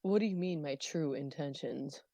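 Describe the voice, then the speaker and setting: A woman's voice: sits low, moderate pace, warm tone, no echo. A woman playing a guarded young woman adventurer who answers tersely and warily. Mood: wary.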